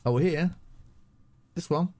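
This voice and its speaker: A man's voice: fairly high pitch, slow pace, dark tone. A middle-aged man with a southern English accent, hosting a casual live stream from his home studio, rambling and laughing with many restarts. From southern England.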